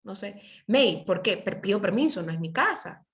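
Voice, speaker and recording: A woman teacher leads an online class through her computer mic, with a medium-pitched voice. She explains patiently and stops often to check that her students follow. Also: lively intonation, moderate pace, fairly bright tone. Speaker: English teacher. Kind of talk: online class, switching between English and Spanish. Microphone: computer mic on a video call.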